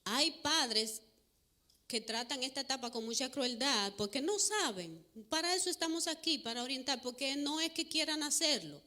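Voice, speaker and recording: A woman giving a church parenting talk to a live audience, preachy, asking questions and answering them herself, acting out quoted voices much higher. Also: animated, moderate pace, sharp tone. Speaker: parenting speaker.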